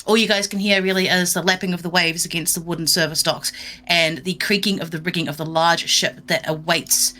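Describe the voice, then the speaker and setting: A woman game master with a bright, clear tone and a voice that sits a bit low. She narrates the scene in an upbeat, lively way and keeps the players moving. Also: brisk.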